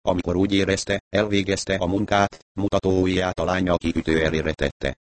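Male audiobook narrator; deep voice, even and measured, dry close-mic sound. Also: dry recording.

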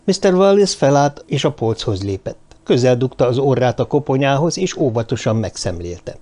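Lively, mellow male audiobook narrator. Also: mid-range voice. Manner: expressive storytelling. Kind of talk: scripted narration.

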